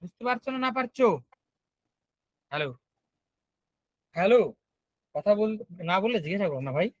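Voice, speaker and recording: A man's voice: sits high, lively intonation, moderate pace, dry recording, poor audio. A man teaching an online class, explaining step by step and often checking whether students follow.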